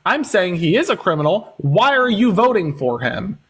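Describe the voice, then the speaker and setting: A man runs a combative live-stream debate in a fairly high voice. He talks over his guest with mocking, domineering jabs. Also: very animated, moderate pace, a bit bright.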